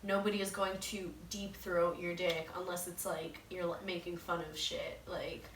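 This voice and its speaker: A woman's voice: fairly low pitch, flat delivery, moderate pace, fairly bright tone. A young woman chatting casually in a frank, slangy, conversational way. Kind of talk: casual chat. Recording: echoey, distant mic, clearly noisy room.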